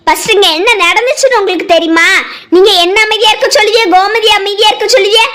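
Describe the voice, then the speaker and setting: A performer voicing a sharp-tongued younger sister in a cartoon family drama, firing accusing questions at her elder brother. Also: very high voice, steady tone, fast talker.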